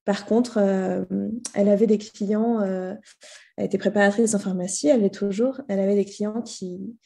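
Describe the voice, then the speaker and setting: A woman in her thirties, a guest on an interview podcast, telling her life story with many pauses, fillers and restarts. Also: medium pitch, fairly even intonation, gravelly, warm tone. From France. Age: 30s. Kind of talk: casual interview.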